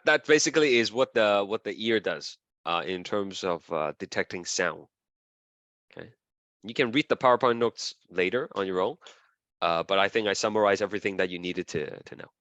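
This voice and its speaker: A man's voice: low voice, a bit bright, no echo, highs cut off. A man lecturing a class, repeating key terms as he draws and often asking "okay?" and "right?".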